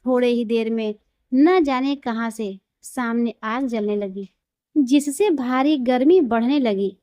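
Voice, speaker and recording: Female storyteller, fairly high and mellow, dry close sound, reverent scripted reading. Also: slow, no room sound. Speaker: devotional storyteller. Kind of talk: scripted devotional story narration.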